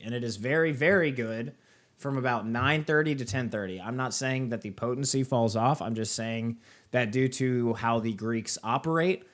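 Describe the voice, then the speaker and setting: Young guy running a live trading walkthrough, loose and chatty, says "right?" a lot, mid-pitched voice. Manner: casual, filler-heavy, keeps asking "right?" and "okay?". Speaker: trading platform host. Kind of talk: live screen-share walkthrough.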